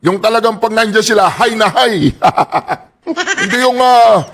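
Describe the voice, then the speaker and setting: A man with a Filipino accent giving sarcastic commentary over rally footage, laughing often and loudly. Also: sits high, unhurried. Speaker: political commentary host.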